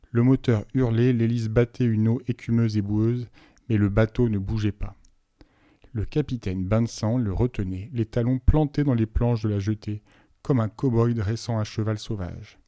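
A man narrating a novel aloud as an audiobook reader, telling the story in an even, measured way. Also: on the low side, no room sound, clean studio sound.

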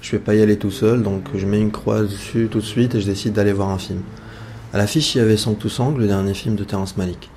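A man's voice: on the low side, steady tone, dark tone, slight background noise. A young man telling a personal night-out story in a casual, wry way, with frequent hesitations. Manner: casual, wry, fillers and pauses. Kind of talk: first-person spoken story.

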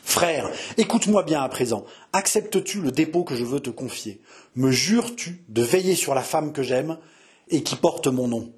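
A man's voice: medium pitch, expressive, normal speed, lightly acted. A man reading aloud and voicing a passionate young nobleman who speaks feverishly and urgently. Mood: solemn urging. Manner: urgent, pleading. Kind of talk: audiobook reading.

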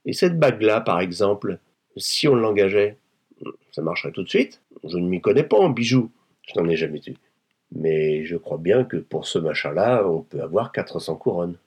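A man's voice: deep voice, sing-song, normal speed, a little mellow, breathy edge, heavily acted. A man reading a novel aloud and voicing an insolent, coarse blackmailing woman who speaks with mocking, overly familiar coolness. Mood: demanding. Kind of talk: audiobook reading.

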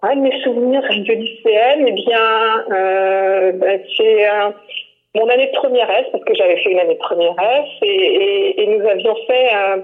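A woman's voice: mid-range voice, a little slow. Woman on a tinny phone line. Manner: hesitant, many fillers and restarts. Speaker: phone-in guest, teacher. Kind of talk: casual phone chat. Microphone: telephone.

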